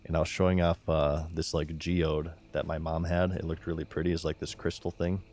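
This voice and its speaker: A man with a monotone, low-energy delivery, chatting casually as he streams a game. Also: brisk. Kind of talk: casual chat while gaming.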